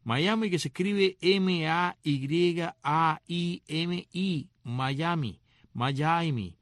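A middle-aged Cuban man with a Cuban accent, hosting a casual, digressive talk and spelling words out slowly. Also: sits high, fairly even intonation, fairly bright tone, dry recording. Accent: Cuban Spanish. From Cuba. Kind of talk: casual explanatory monologue.

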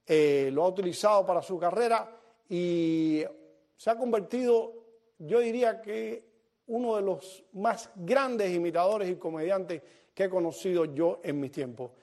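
A man's voice: high voice, a little slow. A man hosting a TV comedy show, telling jokes and acting out the dialogue in his stories. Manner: animated storyteller acting out dialogue. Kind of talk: comic monologue to the camera.

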